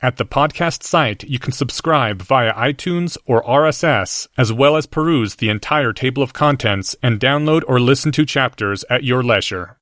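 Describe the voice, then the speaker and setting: A man reading audiobook narration in a steady, measured way. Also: medium pitch, no echo.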